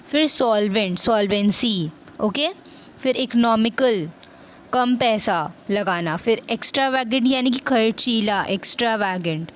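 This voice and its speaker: A woman teaching a vocabulary lesson, explaining in Hindi and slowing right down to read English example sentences, often checking in with her listeners. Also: fairly high pitch, fairly bright tone, slight background noise.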